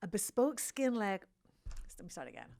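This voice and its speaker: A woman's voice: mid-range voice, very animated, moderate pace, vocal fry, a little mellow. A woman in her fifties hosting a podcast interview, frank and playful, laughing off and swearing at her own slips. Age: 50s. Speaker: podcast host.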